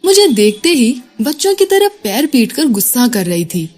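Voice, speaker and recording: A woman narrating a love story in an expressive storytelling voice. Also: a little high, normal speed, soft background music. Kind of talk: scripted narration.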